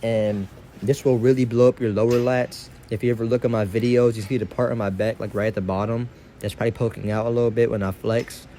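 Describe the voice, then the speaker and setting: A fitness instructor gives a casual, slangy exercise tutorial, his speech slightly impeded by dental braces. He talks fast in a fairly low, dark voice with little pitch movement, and there is slight background noise.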